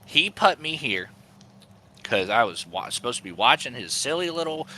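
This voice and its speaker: A man's voice: medium pitch, sing-song, bright, forceful tone, slight background noise, pitched above the performer's own voice. A man voicing a scheming young male goblin lookout who is crude, pushy and foul-mouthed. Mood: plotting. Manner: wheedling, foul-mouthed, talks fast in bursts. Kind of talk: tabletop role-play.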